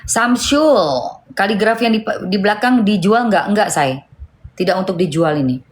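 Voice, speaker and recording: A middle-aged woman with a lilt, hosting a livestream and reading viewer comments, shifting between heated scolding and soft chat. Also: medium pitch, moderate pace. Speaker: livestream host.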